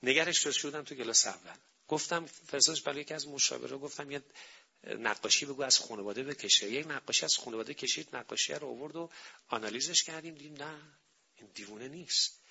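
A man giving an animated public talk on parenting and family, telling stories and acting out what people say. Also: medium pitch, gravelly, slightly rough. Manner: animated storytelling, acting out quotes. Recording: dull lo-fi recording.

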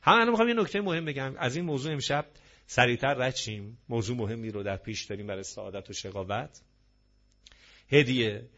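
A preacher with a medium-pitched, fairly bright voice delivers an emphatic religious sermon packed with rhetorical questions to an audience in a gathering hall. The recording is dull and lo-fi.

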